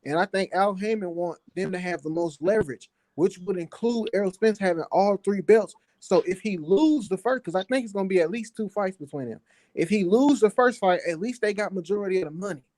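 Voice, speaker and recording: A man's voice: sits high, fairly quick, darkish tone, no room sound. A man from New Orleans in a heated, casual boxing debate, defensive and slangy, repeating phrases for emphasis. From New Orleans, United States. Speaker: guest debater on a boxing talk show.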